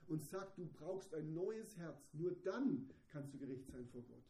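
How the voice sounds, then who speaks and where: A man preaching a sermon, dropping into quiet asides and rising to emphatic points. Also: fairly high pitch, lively intonation, measured pace. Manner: swings between hushed asides and emphatic raised passages. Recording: echoey room.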